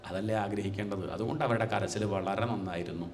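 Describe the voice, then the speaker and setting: A man's voice: lowish voice, a little hiss or hum. A middle-aged man giving a devotional scripture discourse, talking conversationally and putting rhetorical questions to his listeners. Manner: chants verses in a slow sing-song. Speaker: spiritual teacher.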